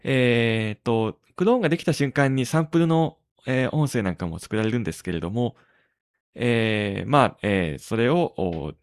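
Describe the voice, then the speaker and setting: A man hosting a tech podcast in casual talk, pausing often on drawn-out fillers between phrases. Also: medium pitch, dry recording, studio quality. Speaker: podcast host.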